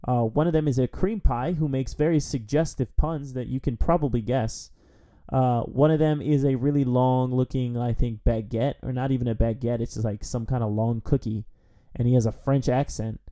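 A man hosting a review podcast, recapping a plot in a casual, rambling style with a wry edge. His voice is very dark and mellow, sitting at a middle pitch. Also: steady tone, moderate pace. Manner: rambling, wry, with frequent fillers. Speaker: film review podcast host.

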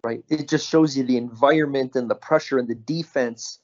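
A man's voice: medium pitch, fairly quick. Chill podcast guy telling stories, mid voice, kinda muffled lo-fi audio. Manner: relaxed storyteller, frequent "you know" and "right?". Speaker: podcast co-host. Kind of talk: casual podcast chat.

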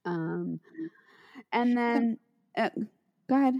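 A middle-aged woman teacher talks casually and reflectively, pausing often and restarting her sentences in a halting way. Her voice is fairly high, and the recording sounds muffled.

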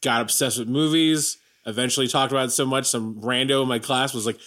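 A man's voice: medium pitch, steady tone, brisk, a bit bright. A man hosting his own movie podcast, with a dry, wry delivery and casual swearing. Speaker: podcast host.

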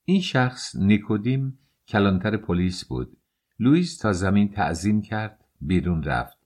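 Male audiobook narrator, very low voice, measured literary reading. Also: expressive, a little mellow. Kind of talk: scripted narration.

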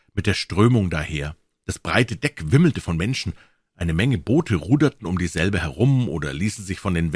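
A man reading a classic novel aloud as narrator, in a measured, lilting storytelling manner. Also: sits low, slightly rough, no room sound, studio quality.

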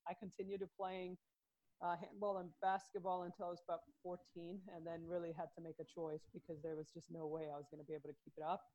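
A Swedish woman in her thirties speaks fast in a lowish voice, and the recording has its highs cut off. A podcast guest, she talks about her soccer career in a relaxed, chatty way, laughing often and using fillers.

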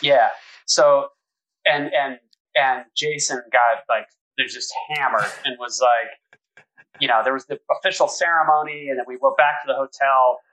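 A middle-aged guest architect tells casual stories in a mid-range voice, steady in tone, bright, and forceful, speaking at normal speed over poor audio. He rambles, restarting often and filling his talk with "like" and other fillers.

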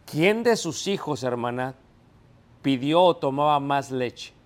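A man's voice: mid-range voice, animated, takes it slowly. A man preaching a sermon, putting questions to the congregation, answering them himself and acting out everyday scenes in quoted voices.

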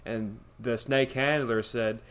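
A man's voice: mid-range voice, steady tone, slow, clean tone. A man co-hosting a podcast in a casual, conversational style, with the echo of a church sanctuary. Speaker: podcast co-host. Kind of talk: casual chat.

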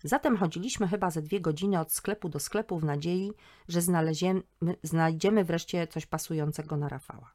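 Woman telling a family story, pretty low voice, calm and a bit wry. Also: brisk. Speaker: storyteller and host. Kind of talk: storytelling narration.

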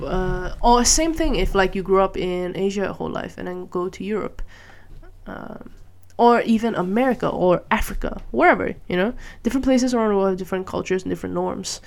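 A woman's voice: medium pitch, vocal fry, darkish tone. A woman vlogger from Malaysia, talking casually in a rambling way, full of fillers and restarts. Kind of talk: casual monologue.

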